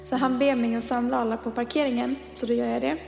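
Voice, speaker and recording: Faint music sits behind this woman's voice, which is a little high and a little mellow, with a level tone and vocal fry. In her twenties and co-hosting a podcast, she tells a personal anecdote in a chatty way, heavy on fillers and acted-out exchanges.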